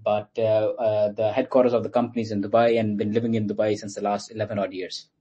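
A man's voice: lowish voice, level tone, fast, mellow, highs cut off. A man from Pakistan, a guest in an online interview, explaining things patiently with many fillers. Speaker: guest explaining his company. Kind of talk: interview answers.

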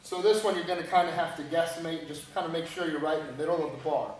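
A man's voice: a little high, quick pace, roomy sound, low-quality recording. A man coaching a lift in a gym, walking through the steps with short cues. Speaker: strength coach. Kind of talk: instructional demonstration.

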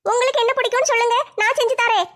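A very high, pleading young wife, as a woman puts her on in a comedy family skit. She talks quickly and apologetically. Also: fairly even intonation, a bit bright. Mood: meek. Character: young tearful sister-in-law, apologetic and soft.

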